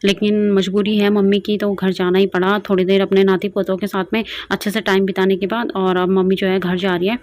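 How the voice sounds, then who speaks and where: A young vlogger from Garhwal, Uttarakhand, in the hills of northern India, narrates a casual home vlog from her kitchen, chatty and rambling with lots of fillers. Her medium-pitched, slightly mellow voice is flat and fairly quick, with hardly any pauses.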